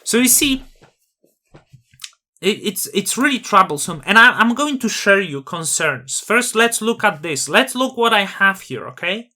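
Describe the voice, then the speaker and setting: In a casual on-screen monologue for his crypto channel, a man with a noticeable non-native accent adopts a self-aggrandizing, grandiose persona full of rhetorical questions. He speaks in a high, bright, forceful voice that is expressive and unhurried.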